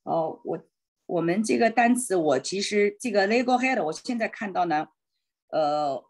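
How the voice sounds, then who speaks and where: A woman teaching an online Spanish class in Chinese on a video call, thinking aloud and hesitating, slowing down on Spanish words. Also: medium pitch, lively intonation.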